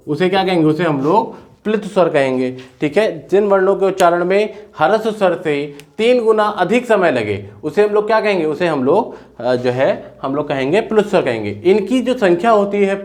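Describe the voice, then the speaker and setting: A man teaching a class, asking questions and then answering them himself, and repeating points slowly so students can write them down. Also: sits high, a little mellow. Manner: repetitive, dictating notes slowly word by word. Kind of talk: classroom lecture.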